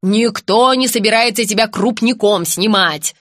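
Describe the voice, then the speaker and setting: A woman's voice: mid-range voice, moderate pace, a bit bright, dry recording, clean studio sound, natural voice. A woman voicing an impatient, bossy female film director who barks orders. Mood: commanding. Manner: commanding, exasperated.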